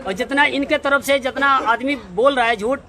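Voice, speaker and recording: Halting anxious man, high voice. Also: crowd noise. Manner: halting, repeats phrases, respectful "ji". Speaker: tenant interviewed by reporters. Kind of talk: anxious pleading street interview.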